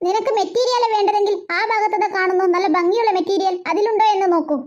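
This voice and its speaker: A woman's voice: very high voice, fast, darkish tone, dull audio. A woman voicing a firm, scolding mother of two girls in a cartoon. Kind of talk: cartoon voice acting.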